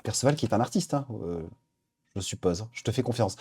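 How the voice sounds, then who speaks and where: A man's voice: lowish voice, animated, brisk, darkish tone, a little hiss or hum. A man hosting a live stream, chatting casually as he reads out viewer suggestions. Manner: upbeat, chatty, thinking aloud. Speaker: livestream host.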